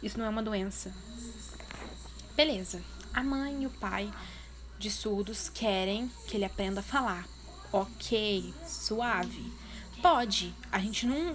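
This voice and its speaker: A medium-pitched woman with a Brazilian Portuguese accent vlogs casually, speaking directly to her viewers and voicing her deaf partner's signing. She drives her points home with repeated questions, and there's a bit of background noise.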